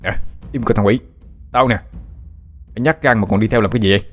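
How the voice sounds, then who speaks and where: A man's voice: on the low side, a little fast, a bit bright. A man voicing a blunt young villager who scolds his friend brusquely. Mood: scolding.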